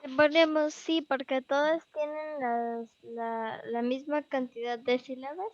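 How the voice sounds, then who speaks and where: A woman's voice: high voice, fairly even intonation, measured pace, dull audio, a little hiss or hum. A woman student in an online class, answering hesitantly and asking the teacher questions.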